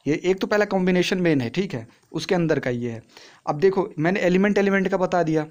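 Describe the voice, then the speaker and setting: The young man's voice runs high with a slightly mellow quality. He explains a science topic casually, as in a chatty class, raising questions and supplying the answers himself.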